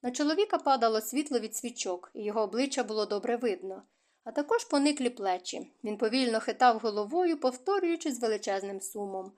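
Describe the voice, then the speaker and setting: This romance audiobook is read by a fast-talking woman whose voice is on the high side, and she narrates with expressive flair.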